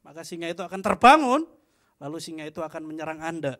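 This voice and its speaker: Young man, high voice, youth-group preacher, chatty and joking, keeps saying ya. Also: lively intonation, fast, fairly bright tone. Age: young adult. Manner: chatty, joking, frequent tag "ya". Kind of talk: youth fellowship sermon, casual storytelling.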